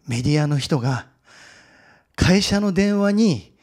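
A man quoting a woman office boss on the phone, passing on a hurried request in his own voice during a talk. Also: on the high side, lively intonation, darkish tone.

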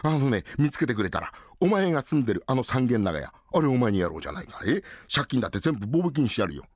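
A man's voice: mid-range voice, big pitch swings, quick pace, a little mellow, no room sound, clean studio sound. A man in a rakugo storytelling voicing a worried older merchant father who talks in a coaxing, anxious way. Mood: pleading.

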